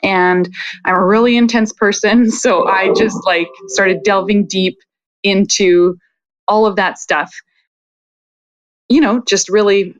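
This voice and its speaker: A woman's voice: mid-range voice, steady tone, slow, pauses often, no echo, lo-fi sound. A woman guest in a podcast interview, talking reflectively with frequent fillers. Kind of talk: casual interview talk.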